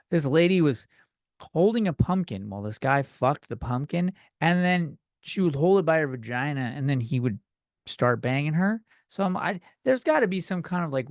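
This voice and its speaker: A man's voice: fairly high pitch, dry recording, clean studio sound. A man in his thirties hosting a solo comedy podcast, rambling and swearing as he rants. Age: 30s. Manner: rambling, profane, self-deprecating. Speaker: podcast host.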